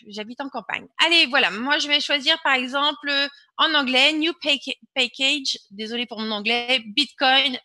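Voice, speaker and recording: A woman's voice: sits high, sharp tone, no room sound. A woman presenting an online webinar and walking viewers through a screen-share demo, urging them on and repeating words for emphasis.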